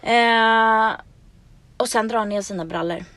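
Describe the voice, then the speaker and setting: A woman hosting a podcast, telling a story in casual chat, animated and laughing. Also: fairly high pitch, no room sound. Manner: animated, laughing, acts out dialogue. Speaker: podcast host.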